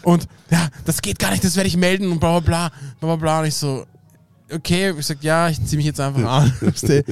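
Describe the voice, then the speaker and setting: A man's voice: on the high side, fairly even intonation, brisk, dry recording. A young man with an Austrian German accent, rambling through an anecdote in casual slang with lots of fillers. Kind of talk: casual chat.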